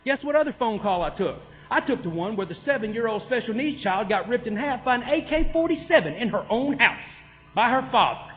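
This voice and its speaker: A man's voice: very high voice, expressive, brisk. A man giving a heated, sarcastic public comment speech at a city council meeting, driving his points home with repeated questions. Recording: tinny, echoey hall with mains hum.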